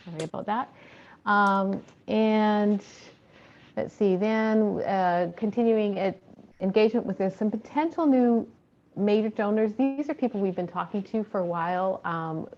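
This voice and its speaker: A woman's voice: mid-range voice, a little slow. Woman reporting over a muffled call. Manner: steady, with frequent ums and uhs. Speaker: fundraising coordinator. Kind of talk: presenting a report at a committee meeting.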